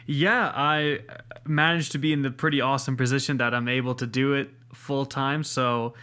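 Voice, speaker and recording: A man's voice: medium pitch, level tone, normal speed, bright, forceful tone, clear, resonant tone. A young man answering interview questions, joking and self-deprecating, laughing often. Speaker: guest YouTuber.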